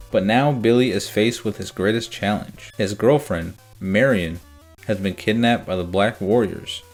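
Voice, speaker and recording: A man narrating a comedic video game review in a deadpan, sarcastic manner. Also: fairly low pitch.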